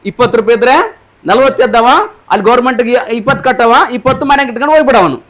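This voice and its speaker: A pastor preaching in a church, quizzing the congregation and repeating their answers, with frequent hallelujahs. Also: male voice, very high-pitched, quick pace, a bit bright. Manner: punctuates points with hallelujah. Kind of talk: sermon. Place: church service.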